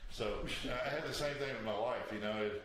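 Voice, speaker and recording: A man's voice: lowish voice, a little fast, fairly bright tone. A man hosting a show, chatting casually and rambling through a story with a joking, easygoing manner. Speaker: show host. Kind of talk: casual chat. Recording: echoey room with faint noise.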